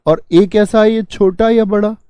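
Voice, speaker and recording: A man's voice: sits high, fairly even intonation, unhurried, dark tone, smooth, no echo, studio quality. A young man teaching a grammar lesson online, explaining step by step and asking and answering his own questions. He calls his viewers friend and brother. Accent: Hindi.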